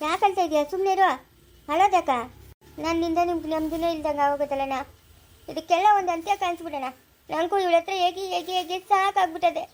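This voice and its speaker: A woman's voice: very high voice, steady tone, quick pace. A woman playing a furious feuding village woman. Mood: bitter ranting. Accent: rural Chikkaballapura Kannada. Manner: shouting, scolding, cursing. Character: bitter, furious village woman in a family feud.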